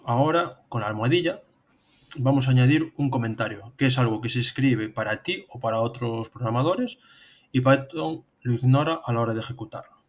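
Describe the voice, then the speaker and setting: A programming instructor in his thirties with a Spanish accent from Spain narrates a tutorial step by step over an on-screen demonstration. His voice is mid-range and a little fast.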